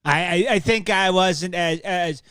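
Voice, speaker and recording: A man's voice: high-pitched, unhurried, a bit bright, smooth, no room sound, clean studio sound, soft background music. A man co-hosting with crude, wry comic banter. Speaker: co-host.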